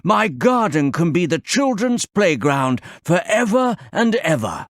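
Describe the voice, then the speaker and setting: A man voicing a gruff, selfish male giant in a storybook reading, speaking slowly and heavily. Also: sits high, sing-song, no echo, clean studio sound, pitched above the performer's own voice, exaggerated voice. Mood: remorseful.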